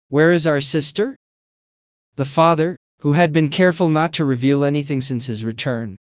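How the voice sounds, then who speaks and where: A man narrating a fairy tale in a calm, measured way. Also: on the high side, no room sound, clean studio sound. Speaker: storyteller.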